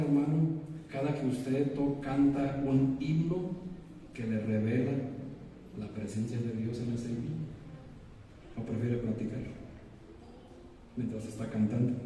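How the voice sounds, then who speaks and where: A man's voice: medium pitch, measured pace, long pauses, warm tone, a little hiss or hum. A man, preaching a sermon as pastor, asking his congregation rhetorical questions. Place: church sanctuary. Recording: echoey church hall, preacher far from mic.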